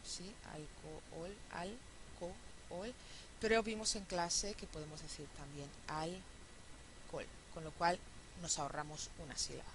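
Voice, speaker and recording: A woman teaching a phonetics lesson, explaining step by step and often checking understanding with a quick question. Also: low-pitched, steady tone, noisy background. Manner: counts syllables aloud slowly. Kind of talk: recorded classroom lecture.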